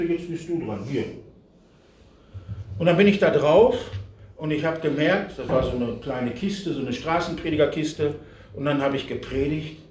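A middle-aged man preaching a personal testimony to a congregation, swinging from loud cries to hushed whispers and often speaking straight to his listeners. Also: high-pitched, echoey room, recorded from a distance. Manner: addresses the audience directly. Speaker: street preacher. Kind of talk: testimony sermon.

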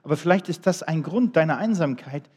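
A middle-aged man preaching a sermon, swinging between loud, emphatic appeals and quiet, low asides. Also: animated, fairly quick, husky.

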